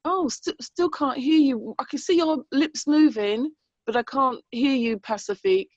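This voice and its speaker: High-voiced woman on a dull video call. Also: measured pace, dry recording. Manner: effusive and chatty. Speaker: co-host. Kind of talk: casual video-call chat.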